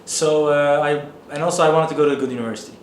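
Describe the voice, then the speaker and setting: A man's voice: on the high side, fairly even intonation, fast, roomy sound, a little hiss or hum. A man in his thirties from Turkey with a Turkish accent, an economics professor answering interview questions thoughtfully, with many fillers.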